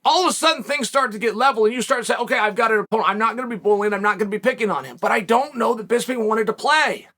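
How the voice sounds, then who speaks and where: His voice sits high and he races along with hardly any pauses. He's a man in his forties hosting a solo commentary show on a dark studio set, speculating and telling stories animatedly and emphatically.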